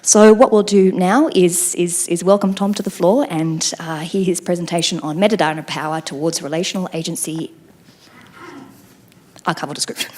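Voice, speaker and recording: A woman's voice: lowish voice, moderate pace, darkish tone. A woman chairing a conference session, informally introducing the next speaker.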